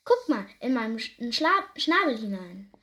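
A woman voicing a friendly male pelican in a children's storybook, speaking heartily and a little louder than her usual voice. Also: on the high side, very animated, unhurried. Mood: hearty. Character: friendly, chatty male pelican bringing a fish.

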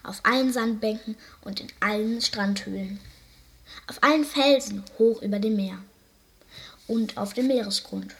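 A woman reading a children's story aloud, narrating in a calm storytelling way. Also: on the high side, a little slow, vocal fry.

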